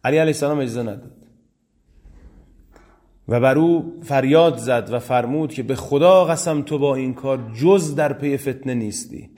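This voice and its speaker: A man's voice: medium pitch, a little mellow. Persian man lecturing on religious history. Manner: reads Arabic quotes slowly, then explains them in quick conversational Persian.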